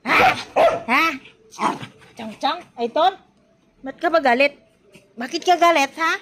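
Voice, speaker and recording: A woman's voice: high voice, normal speed, background noise. A woman vlogger talking to her pet dogs in a playful, coaxing baby-talk voice. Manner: coaxing, playful sing-song calls to dogs. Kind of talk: casual baby talk to pets.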